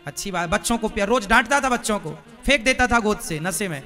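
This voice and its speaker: A man's voice: high voice, animated, fast, bright, forceful tone, faint music behind. A man preaching a sermon through stories, in a folksy way, asking the audience questions as he goes. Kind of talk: storytelling sermon.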